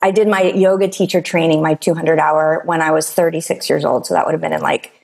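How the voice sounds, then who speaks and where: Chatty woman in her forties, low-pitched. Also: little pitch movement, fairly quick, creaky. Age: 40s. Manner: chatty, frequent fillers and short laughs. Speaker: guest, yoga teacher and author. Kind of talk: casual interview conversation.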